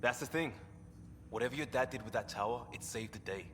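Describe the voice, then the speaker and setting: A man's voice: medium pitch, a little fast, fairly bright tone, close to an everyday voice. A man voicing a supportive male crew officer in a video game, speaking in an encouraging way. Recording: game audio, reverberant, ambient noise.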